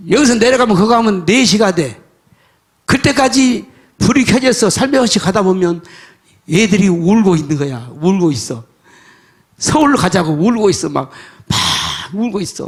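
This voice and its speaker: An older man, a pastor, preaching a sermon in a folksy storytelling way, dropping to soft mutters and rising to shouts. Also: high voice.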